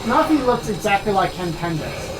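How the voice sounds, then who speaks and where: A woman joking around during a game playthrough in casual group banter, playful and quick to tease. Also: mid-range voice, sing-song, noisy background. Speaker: let's play commentator. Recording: music playing behind the voice.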